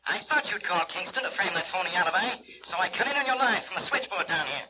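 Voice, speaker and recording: Through a muffled, noisy old radio recording comes a blustering, suspicious police inspector. He barks sarcastically in a high, fast voice, in 1940s crime-serial style. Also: expressive. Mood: gloating. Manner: barking, sarcastic. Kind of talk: 1940s radio detective acting.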